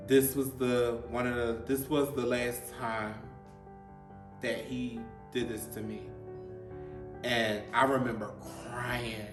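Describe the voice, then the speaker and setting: A man hosting his own show and telling a personal story in a halting way, repeating himself and often saying "like.". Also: mid-range voice. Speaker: host. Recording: roomy, distant mic, faint music.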